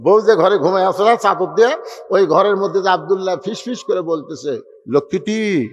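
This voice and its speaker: A man, preaching a storytelling sermon with dramatic swings between loud and hushed. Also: sits high, fairly quick, highs cut off. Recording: long hall reverb.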